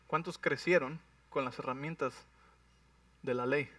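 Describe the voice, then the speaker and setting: Man, pastor preaching, animated, checks in with listeners, dry sound from a distant mic. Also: medium pitch, a little slow, dry recording. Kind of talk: sermon.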